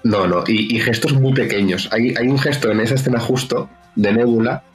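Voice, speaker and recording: A man's voice: medium pitch, normal speed. Man, film podcast co-host, chatty, quotes scenes, faint music behind. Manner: laughing, acts out small movie moments. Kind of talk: casual film review chat.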